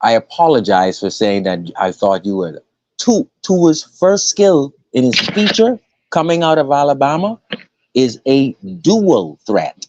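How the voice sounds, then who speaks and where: Male panelist, insistent repeater, animated delivery, lo-fi dry line. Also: mid-range voice, measured pace, dry recording. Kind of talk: heated sports debate. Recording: muffled phone audio.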